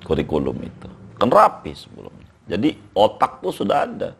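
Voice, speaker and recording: An older man speaks in a very low, gravelly voice. He explains patiently as a scholar in an interview, often repeating his phrases. Now and then he reads classical Arabic text aloud. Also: huge pitch swings, fairly quick, a bit bright. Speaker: Islamic scholar, interview guest. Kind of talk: relaxed conversational interview.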